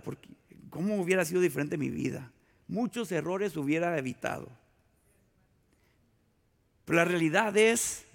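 A pastor preaching a sermon in a conversational, storytelling way, full of rhetorical questions and acted-out anecdotes. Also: male voice, a little high, creaky. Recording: long hall reverb.

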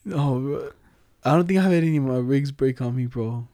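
A man's voice: mid-range voice, a little fast, dark tone, no echo. Slangy young man swapping stories, close and dry. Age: young adult. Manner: slangy, profane, jokey storyteller. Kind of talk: casual chat, swapping stories.

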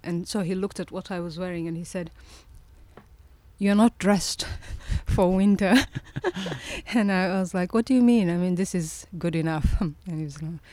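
A woman in her forties from Somalia, a guest on an interview podcast, telling her life story in a reflective way, often restarting her sentences and laughing softly. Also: on the low side, measured pace, no echo. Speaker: guest, presidential candidate.

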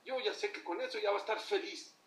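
A man's voice: high-pitched, fast talker, a bit bright, pitched above the performer's own voice. Man playing a tired, humble peasant husband, plain-spoken, raised voice; echoey, distant mic. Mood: soothing. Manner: exasperated, then soothing. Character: weary, humble peasant husband at wits' end. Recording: echoey room from far off.

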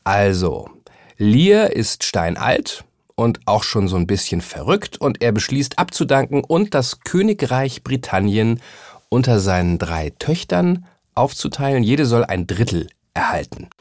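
A man's voice: medium pitch, big pitch swings, unhurried, a little mellow, no echo, studio quality. A man hosting a book podcast, talking in a chatty, enthusiastic way with the occasional um. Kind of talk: scripted podcast talk.

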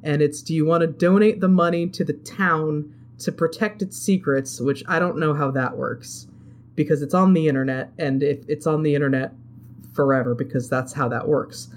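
Animated swearing woman recapping a game. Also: low-pitched, normal speed. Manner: animated, swears freely, acts out characters' lines. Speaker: podcast co-host recapping a game. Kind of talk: casual chat.

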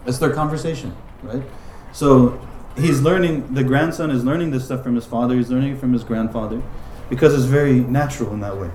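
A man's voice: mid-range voice, brisk, hardly any pauses, a little mellow, a little hiss or hum. Man giving a casual religious lesson. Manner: conversational, many "like" and "right?" asides. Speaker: religious teacher. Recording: roomy echoing room.

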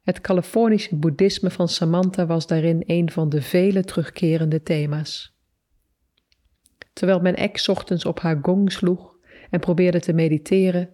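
A woman narrating a literary novel in a measured, deliberate way, slowing down on key phrases. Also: on the low side, dark tone. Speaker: audiobook narrator.

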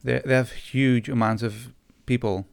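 A man's voice: medium pitch, fairly even intonation, unhurried, creaky, clean tone, no echo. A man co-hosting a podcast, chatting casually and slipping into joking, mock-dramatic rants. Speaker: podcast co-host. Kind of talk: casual chat.

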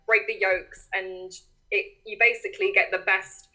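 Bright-voiced woman chatting as a guest. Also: medium pitch, little pitch movement, normal speed, low-quality recording. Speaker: podcast guest. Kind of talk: casual interview chat.

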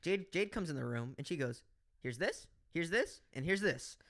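A young man with a fairly high voice co-hosts a podcast, speaking at a normal pace in a dry, studio-quality recording. He tells a story in casual chat, animated and swearing a lot, acting out quotes of his own lines.

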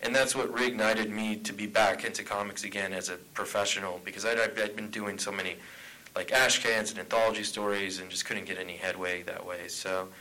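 A man's voice: lowish voice, steady tone, fairly quick, bright, forceful tone, rough recording. A man from Arizona, a comic writer, talking and joking as a guest on a convention panel. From Tucson, Arizona. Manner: chatty, joking, laughs often.

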